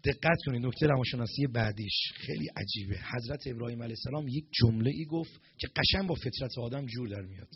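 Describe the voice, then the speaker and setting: A man giving a storytelling sermon as a preacher, animated and acting out the characters' lines in dialogue. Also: mid-range voice, few pauses, slightly rough, dull audio.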